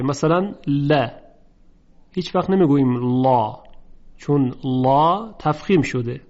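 Male recitation teacher, measured and methodical, drawn-out chanted examples, somewhat higher voice, muffled lo-fi sound. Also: darkish tone. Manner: slow, careful, repeats example words in drawn-out chanting. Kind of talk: tajweed lesson. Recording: dull lo-fi recording.

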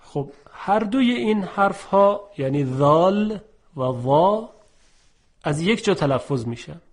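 A man teaching pronunciation for Quran recitation, explaining each letter calmly and then drawing out example words slowly, each one said twice. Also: high-pitched.

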